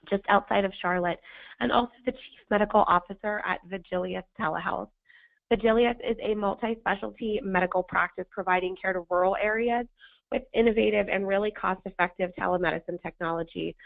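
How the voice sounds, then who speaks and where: A woman with a hoarse, raspy, smoker-like voice, presenting as a webinar host in a scripted style. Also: medium pitch. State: hoarse, sandpaper-rough voice. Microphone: phone or webinar audio connection. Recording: thin phone-like webinar line.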